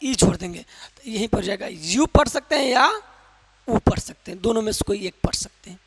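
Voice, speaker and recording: A man teaching English pronunciation in a loud, emphatic classroom manner, quizzing his viewers with repeated questions. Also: high-pitched, animated, moderate pace, slightly rough, in a large hall. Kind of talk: classroom lesson in Hindi with some English.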